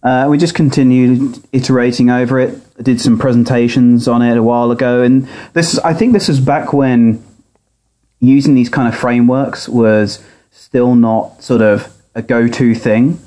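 Talking about technical work as a guest on a podcast, this male software architect keeps a measured, conversational delivery. He has a warm, mid-range voice and a steady tone. He is captured by his laptop's built-in audio instead of a real microphone, so the sound quality is poor.

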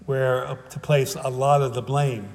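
Conversational preacher in a reverberant hall. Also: male voice, mid-range voice, steady tone, a little slow, vocal fry, a little mellow. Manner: conversational, often adds "right?" and "okay?"; wry humor. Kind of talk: sermon.

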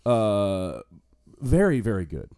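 A man with a low, warm voice co-hosts a casual chat, often restarting his sentences and trading sarcastic jokes. The recording is close and dry. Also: slow, smooth, no room sound. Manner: animated, stammering restarts, sarcastic. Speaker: podcast co-host.

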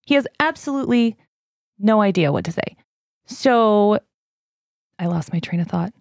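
Middle-aged woman host, casual and heated, low-ish pitch, dry mic. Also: a little slow, creaky, no echo. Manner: animated, gets heated and swears. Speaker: podcast host. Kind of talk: casual chat retelling a case.

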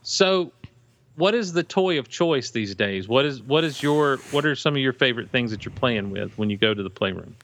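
A man's voice: medium pitch, animated, moderate pace, fairly bright tone. A man hosting a casual podcast interview, asking teasing, playful questions. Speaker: podcast host.

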